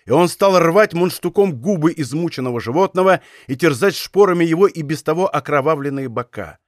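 A man's voice: on the high side, expressive, no echo. Dry-voiced male audiobook narrator. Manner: measured, dramatic storytelling. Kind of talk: scripted narration. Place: recording studio.

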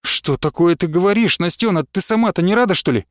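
A man reading aloud and voicing a sullen young deserter who speaks low and curtly. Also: animated, fairly quick, no echo, clean studio sound. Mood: grim. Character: gruff, sullen young male deserter in hiding. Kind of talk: audiobook character reading.

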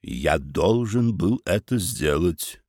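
A coaxing, smooth-tongued town official, read by a man. He talks in a soft, persuading way, as if to an old friend. The sound is dry and close. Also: fairly low pitch, very animated, measured pace, no room sound. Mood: heavy, reluctant. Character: middle-aged male burgomaster, smooth, coaxing official.

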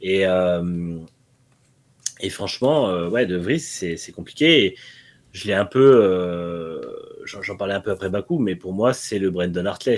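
A man giving casual motorsport analysis, measured and thinking aloud with fillers. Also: low voice, husky.

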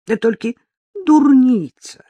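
A woman's voice: sits high, expressive, slow pace, slightly rough, dry recording, lo-fi sound, voice pushed up, full character voice. A woman voicing a terse, wary old village woman who speaks in a rural Belarusian-tinged dialect, for an audiobook. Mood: gruff, wary.

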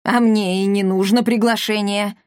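A woman's voice: mid-range voice, steady tone, moderate pace, darkish tone, clean tone, no room sound, clean studio sound, close to an everyday voice. A woman reading a story aloud, voicing a pompous, touchy old man who is the village elder and whines and takes offence. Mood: aggrieved. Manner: indignant, whining, aggrieved.

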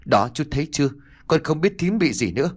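A man's voice: fairly high pitch, sing-song, fairly quick, slightly rough, pitched above the performer's own voice. A man doing a pleading, stammering young man. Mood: shaken. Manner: humble, stammering.

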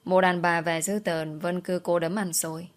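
Woman narrator, fairly low voice, steady storytelling, dramatic novel. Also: moderate pace.

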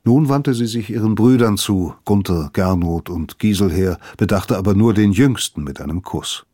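A man reading an audiobook in a dramatic, sometimes hushed tone. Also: on the low side, normal speed, no room sound, studio quality. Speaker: narrator. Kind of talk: audiobook narration.

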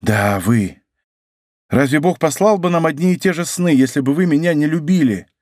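A man's voice: fairly high pitch, expressive, moderate pace, a little mellow, no echo, studio quality, lightly acted. A man playing an ardent, lovesick duke. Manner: ardent, impassioned declarations. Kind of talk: audiobook character reading.

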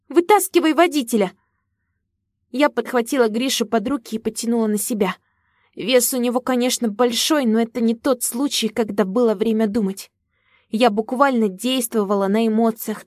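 A woman's voice: fairly high pitch, fairly even intonation, normal speed, no room sound, studio quality. A woman narrating a story in the first person, with emotional storytelling. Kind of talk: audiobook narration.

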